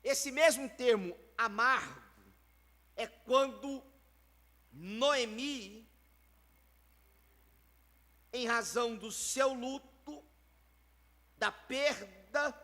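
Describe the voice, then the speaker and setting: A man's voice: very high voice, expressive, very slow, long pauses, bright, forceful tone, big-room sound. A man with a Brazilian accent preaching a sermon in a church, emphatic and dramatic.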